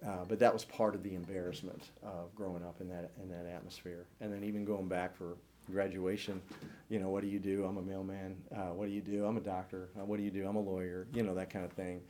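Deep-voiced older man sharing testimony. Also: darkish tone, slight background noise. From St. Louis area, United States. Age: 60s. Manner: earnest, reflective storytelling. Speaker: church class speaker. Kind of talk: personal testimony talk.

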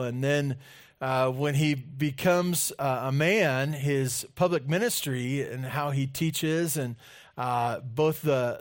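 A man preaching a sermon into a pulpit microphone in a church, speaking earnestly and reading scripture aloud. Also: mid-range voice. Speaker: pastor. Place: church sanctuary.

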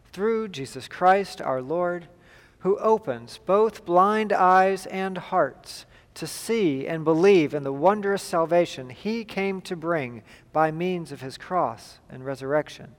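A pastor leading liturgical prayers in a measured, solemn voice, with a cathedral echo behind him. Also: male voice, high-pitched, expressive. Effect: cathedral echo, long church reverb. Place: large church sanctuary. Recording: long reverb from a large church.

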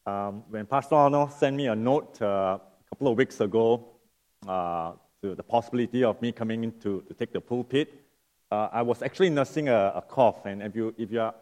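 Preaching as a guest, a middle-aged Singaporean man sounds nasal because of a lingering cough. He is friendly and unhurried, often rewording himself mid-sermon, in a lowish voice with a darkish tone.

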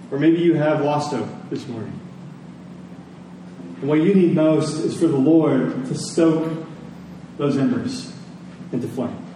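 A man with a slightly high, mellow voice preaches a sermon to a Sunday congregation, teaching conversationally with repetition and rhetorical questions. The recording has an echoey room, a distant mic, and faint noise.

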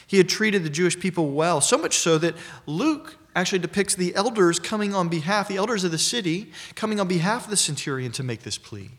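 Male preacher, slightly higher voice, measured emphatic sermon delivery. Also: lively intonation, fairly bright tone. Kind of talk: expository sermon.

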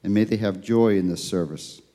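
A man, a church elder, leading a spoken prayer in a steady, reverent way, his voice ringing with a long cathedral-like echo. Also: fairly low pitch, normal speed. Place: church sanctuary.

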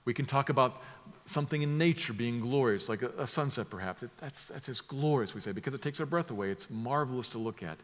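Man, sermon preacher, emphatic, shifts between hushed and loud, long reverb. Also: medium pitch, quick pace. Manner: emphatic, builds from soft to loud with vivid imagery.

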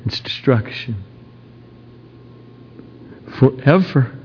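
A man preaching an expository sermon in an emphatic, dramatic manner, with rhetorical questions and swings between hushed and forceful delivery. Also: medium pitch, lively intonation, extremely slow, slight background noise. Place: large reverberant room. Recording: dull, echoey large hall.

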